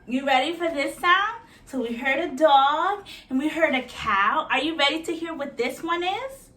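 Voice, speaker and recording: Female preschool teacher, kids show host manner, high-pitched and encouraging, recorded roomy and a bit far from the mic. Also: expressive, normal speed, pushed and bright. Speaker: preschool teacher leading circle time. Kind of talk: children's educational lesson, asking questions to young viewers. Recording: roomy echo, distant mic, faint noise.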